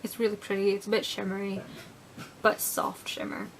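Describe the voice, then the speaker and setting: A woman's voice: mid-range voice, level tone, normal speed, a little hiss or hum, poor audio. A young woman chatting casually through a beauty product review, rambling a bit and dropping into whispered asides. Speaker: beauty vlogger.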